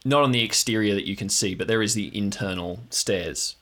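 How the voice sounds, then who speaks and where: A man improvising narration as a tabletop game master, halting as he searches for words. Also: fairly low pitch, fairly bright tone.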